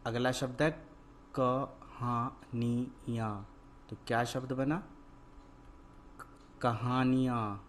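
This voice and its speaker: Man, Hindi tutor, repetitive question-and-answer drilling, steady middle pitch, faint hiss behind. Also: slow, long pauses. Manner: repetitive questioning, patient drilling of each word. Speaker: Hindi teacher. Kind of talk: worksheet lesson, call and response.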